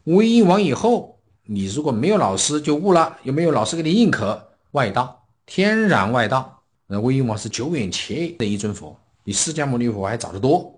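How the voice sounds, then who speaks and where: Man, Buddhist teacher, dharma talk, storytelling, very lively pitch, average pitch. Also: moderate pace, few pauses. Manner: storytelling, acting out quoted speakers with lively swings. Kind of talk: dharma talk explaining scripture.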